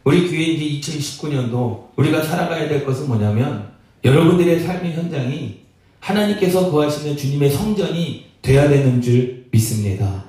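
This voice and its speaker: A man's voice: a little high, lively intonation, moderate pace, mellow. A male pastor preaching a sermon, asking the congregation questions as he goes, recorded in a church sanctuary. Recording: very echoey church hall from a distance.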